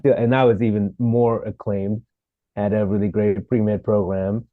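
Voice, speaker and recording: A man from Sri Lanka, an actor, telling his story as a podcast guest in a relaxed way, with fillers. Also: fairly low pitch, measured pace, no room sound, narrow, tinny audio. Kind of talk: interview.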